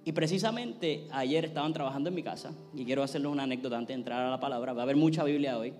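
A man's voice: mid-range voice, rapid-fire, darkish tone. A male pastor preaching a sermon and praying fervently from the pulpit, his delivery building in intensity. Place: church sanctuary. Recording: long hall reverb, faint music.

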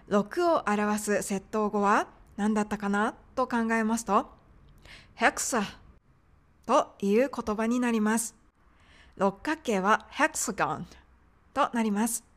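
A woman's voice: fairly high pitch, unhurried. A woman teaching medical English pronunciation in a polite, explanatory podcast lesson.

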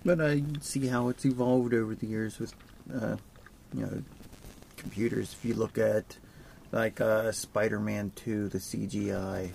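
A man's voice: on the low side, steady tone, unhurried, gravelly, a little mellow, slight background noise, poor audio. A man co-hosting a podcast, rambling casually and searching for words with lots of fillers. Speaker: podcast co-host. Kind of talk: casual chat.

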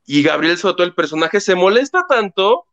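A man hosting a casual gossip chat, retelling a plot in an animated way and acting out the quotes. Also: high-pitched, moderate pace, muffled recording. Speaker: host.

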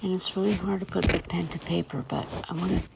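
A woman with toothless, gummy articulation, as if gumming soft food, rambling in a halting, repetitive, confiding monologue. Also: on the low side, steady tone, vocal fry, heavy background noise. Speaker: personal podcaster. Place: at home.

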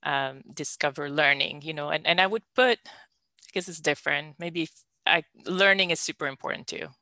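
A woman from Belgium, hosting a podcast, speaks frankly about her relationships in a low, bright and forceful voice at a normal pace. Laughter comes often, and she frequently begins sentences again. No room sound is audible.

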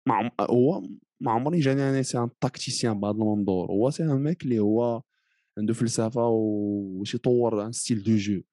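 Fast-talking man with a Moroccan accent. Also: medium pitch, warm tone, no echo, studio quality. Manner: explanatory, mixes in French phrases. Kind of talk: casual football discussion.

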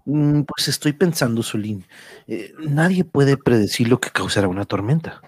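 An actor playing a calm adventure hero in a radio drama, speaking in a measured, reassuring way. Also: male voice, medium pitch, husky, no room sound, clean studio sound. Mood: pensive. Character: calm, stoic adventure hero counselling patience.

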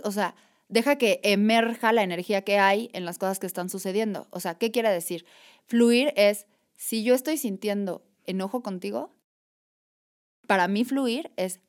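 A woman, a podcast guest in casual conversation, animated and reflective, often saying "o sea" and "¿sabes?". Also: mid-range voice.

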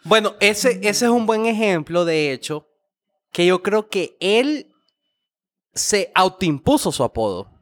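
A man with a notably high voice talks in a relaxed chat among friends. He is playful, often slipping into short acted-out greetings to make a point. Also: slow pace. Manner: playful, acts out quoted greetings. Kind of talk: casual chat.

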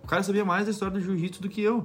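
A man with a high, level-toned voice talks very fast over faint background music. He's a Brazilian barber who emigrated abroad, speaking with a southern Brazilian Portuguese accent in casual anecdotes. His talk is slangy, with occasional swearing and acted-out quotes.

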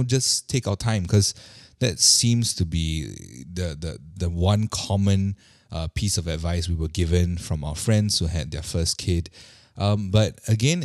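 A man in his thirties with a notably low voice, telling a personal story in a relaxed, chatty way. He often stumbles and repeats words as he restarts a thought, with a wry, self-deprecating tone. The recording is close and dry, with no room sound. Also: no echo.

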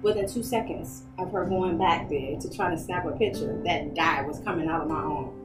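A woman telling a personal hospital story in casual storytelling style, acting out quoted dialogue with jumps in her voice. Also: moderate pace. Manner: acts out quoted dialogue with big pitch jumps. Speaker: interviewee sharing a hospital story. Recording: roomy echo with loud music underneath. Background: loud background music.

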